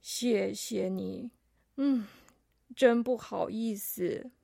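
A woman's voice: on the high side, expressive, takes it slowly, a little mellow, no room sound, clean studio sound. A woman voicing a weary, polite male chameleon who sighs and gives in, in a children's story. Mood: resigned. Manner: sighing, resigned.

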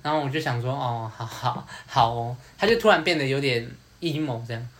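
A man hosting a podcast, telling a story in a casual, animated way, repeating words and acting out what others said. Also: medium pitch, brisk. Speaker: podcast host.

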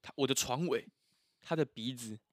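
A man telling his own stories as a podcast guest, animated and laughing often, acting out what others said. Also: medium pitch, normal speed, dry recording, clean studio sound. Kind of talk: casual storytelling chat.

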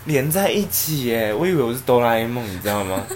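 A man, co-hosting a podcast and telling a story in a casual, animated way. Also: mid-range voice, fast talker, slight background noise. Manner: animated, acts out the people in his story. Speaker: podcast co-host.

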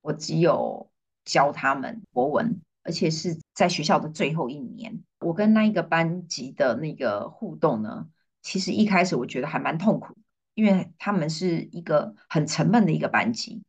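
Low husky middle-aged woman. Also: moderate pace, dull audio. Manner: lively storyteller who acts out quoted dialogue. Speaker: guest, education coach. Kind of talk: storytelling in a podcast interview.

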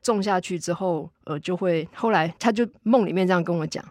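A woman's voice: fairly low pitch, a little fast, darkish tone, dry recording, clean studio sound. A woman with a Taiwanese Mandarin accent speaking casually as an interview guest, explaining things step by step and often circling back over her words. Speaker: film and VR director, podcast guest.

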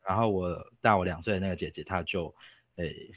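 A man's voice: deep voice, steady tone, brisk, no echo, narrow, tinny audio. A young man with a Taiwanese Mandarin accent, a podcast guest casually telling a personal story, rambling and restarting with fillers. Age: young adult. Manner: rambling, self-interrupting with fillers.

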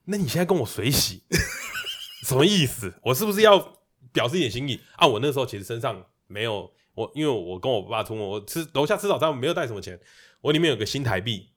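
A man's voice: mid-range voice, quick pace. A man telling a story in casual podcast chat, laughing often and acting out the people he quotes. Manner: animated, laughing storyteller who acts out quotes. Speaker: podcast host.

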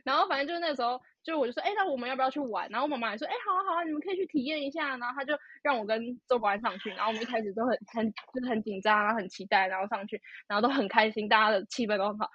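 A young woman, telling a story in casual podcast chat, animated and full of fillers. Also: fairly high pitch, racing, hardly any pauses, slightly rough, dry recording. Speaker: podcast co-host. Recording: dull lo-fi podcast audio.

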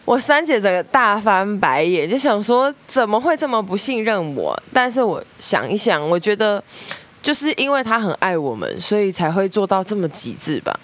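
A woman's voice: medium pitch, moderate pace. Young Taiwanese woman telling family stories. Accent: Taiwanese Mandarin. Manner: lively storyteller, mimics family members, laughs often. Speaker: podcast host. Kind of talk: storytelling monologue.

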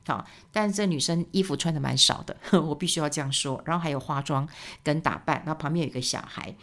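A woman's voice: low-pitched, quick pace, a bit bright. A woman host, talking in a casual, chatty monologue full of little tag particles and fillers. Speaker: podcast host.

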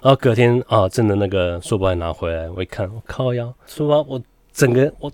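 Fast-talking Taiwanese man, laughing storyteller. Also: on the low side, lively intonation, dry recording. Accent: Taiwanese Mandarin. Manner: swears casually, laughs often, acts out quotes loudly. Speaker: podcast host. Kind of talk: casual storytelling chat.

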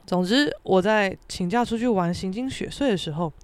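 A young woman with a Taiwanese Mandarin accent tells a story on her podcast in an animated, self-mocking way, swearing freely. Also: mid-range voice, normal speed, smooth, no echo. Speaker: podcast host.

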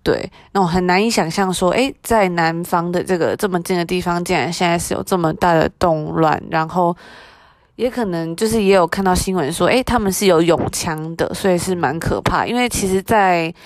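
Lower-pitched woman with a Taiwanese Mandarin accent. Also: fairly quick. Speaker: podcast co-host. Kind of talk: casual news discussion.

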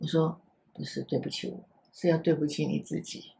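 Older Taiwanese Mandarin woman, low gravelly voice, gentle repetitive podcast guest. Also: steady tone, a little fast. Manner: gentle, repeats herself, acts out soft talk to children. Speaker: podcast guest, grandmother and former kindergarten teacher. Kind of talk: casual podcast chat.

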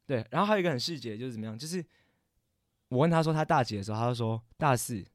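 A man's voice: medium pitch, expressive, very fast, no room sound, clean studio sound. A young man, a podcast co-host telling a story in casual chat, rambling and often correcting himself. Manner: rambling, stammering, frequent self-corrections.

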